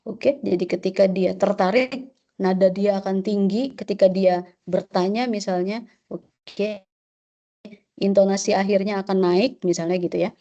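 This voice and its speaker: A woman's voice: mid-range voice, fairly even intonation, unhurried, mellow, muffled recording. A woman teaching a webinar lecture as an exam instructor, often checking in with "oke?" and mixing French terms into her explanations.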